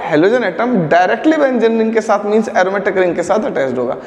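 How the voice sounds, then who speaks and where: High-voiced male chemistry teacher, echoey room. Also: lively intonation, moderate pace, a little mellow. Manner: mixes English terms, scolds students playfully. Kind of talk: classroom lecture. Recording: echoey room with long reverb.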